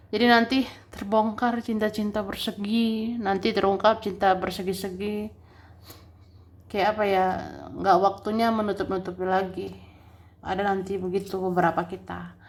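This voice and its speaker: A woman giving a casual tarot reading, chatty, restating each point several times and laughing often. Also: mid-range voice. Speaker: tarot reader.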